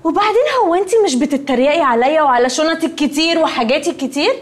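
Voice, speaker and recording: A woman's voice: high-pitched, quick pace, natural voice. An actress playing a snobbish young woman with an Egyptian accent who drops in English words and is dismissive, in a film comedy. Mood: haughty. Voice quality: haughty dismissive delivery.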